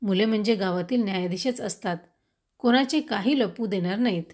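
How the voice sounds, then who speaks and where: Lady narrating an old classic book, steady calm reading pace. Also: mid-range voice, moderate pace. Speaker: audiobook reader. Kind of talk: scripted narration of a classic novel.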